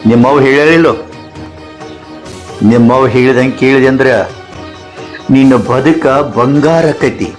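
A man's voice: mid-range voice, fairly even intonation, measured pace, pauses often, soft background music, lightly acted. A man playing a proud village landlord in a skit, speaking in commanding tones with a North Karnataka Kannada accent. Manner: commanding, scolding. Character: rich proud village landlord, later remorseful. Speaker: lead actor.

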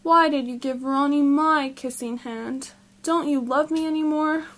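A woman's voice: sits high, a little slow. A woman reading aloud, voicing a small, anxious young raccoon boy who feels jealous of his baby brother and sounds plaintive and pleading.

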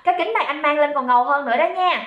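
A woman's voice: high voice, racing, phone-quality sound. A young woman from Saigon with a Southern Vietnamese accent, hosting a live sales stream, chatting and joking with viewers and greeting them by name. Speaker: livestream seller. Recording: roomy echo.

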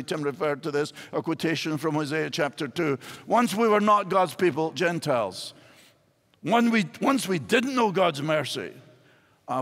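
This pastor, an older man from Scotland, delivers a sermon with broad gestures from the stage of a big church. He speaks on the high side with a slightly bright tone, and the recording carries hall reverb.

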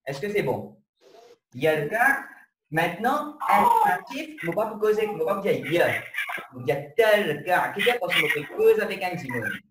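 A man's voice: high-pitched, sing-song, brisk. A man from Mauritius, teaching an online class and stopping often to check that students follow. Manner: explains step by step, keeps checking students follow. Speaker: Arabic teacher. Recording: roomy, distant with faint noise.

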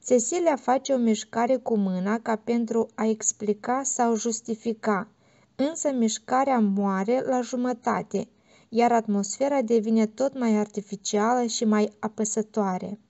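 Woman reading a book aloud, slightly high mellow voice, calm steady pace, muffled sound. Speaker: audiobook reader. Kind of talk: audiobook narration of literary fiction.

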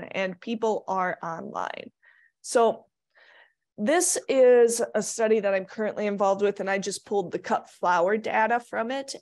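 Female extension lecturer, from Minnesota, plainspoken teaching over slides, mid-pitched, laptop mic. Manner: practical, plainspoken, light asides. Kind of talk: recorded slide presentation.

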